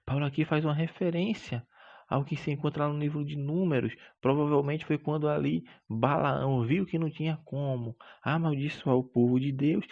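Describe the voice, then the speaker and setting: Gravelly preachy school teacher. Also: male voice, on the high side, muffled recording. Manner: preachy, emphatic, drawing out key words and addressing listeners as brother. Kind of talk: Bible lesson teaching.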